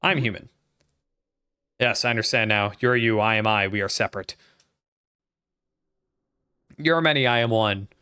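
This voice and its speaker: A man voicing a strange alien being that haltingly learns feelings, speaking in flat, awkward phrases while reading a text game aloud. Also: lowish voice, clear, resonant tone. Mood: puzzled. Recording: music playing behind.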